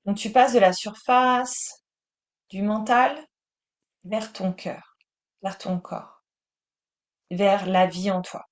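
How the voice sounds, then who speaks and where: French woman teaching meditation, calm and soothing, very slow delivery. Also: mid-range voice.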